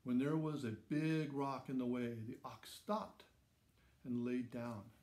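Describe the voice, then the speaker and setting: A storybook reader in his sixties slowly narrates a children's tale, using simple, measured phrasing and giving key words dramatic emphasis. His mid-range voice is a little mellow, and a clear room echo surrounds it.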